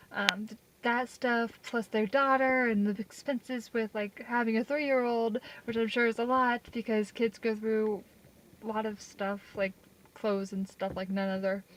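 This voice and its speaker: Chatty young woman rambling at home. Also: a little high. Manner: rambling, chatty, many fillers. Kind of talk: casual vlog monologue. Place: home kitchen. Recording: noisy home recording.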